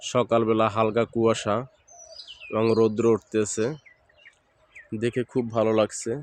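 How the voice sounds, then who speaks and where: Speaking at a normal speed in a lowish, monotone voice, this man comes through with a little hiss or hum. He is a village video host from Barisal, Bangladesh, with a Barisal Bengali accent, casually narrating his morning walk outdoors through village fields and explaining local words to viewers.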